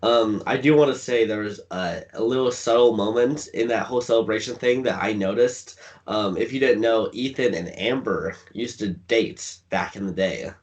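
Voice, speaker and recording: Male podcast co-host, low voice, easygoing chat, sitting a bit back from the mic. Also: moderate pace, hardly any pauses, recorded from a distance. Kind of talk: casual chat.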